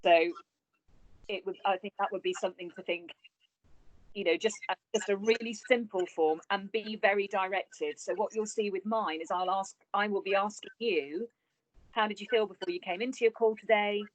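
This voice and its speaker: A woman's voice: mid-range voice, fairly even intonation, moderate pace, no echo, poor audio. A woman business coach on a video call, giving chatty, encouraging, practical advice.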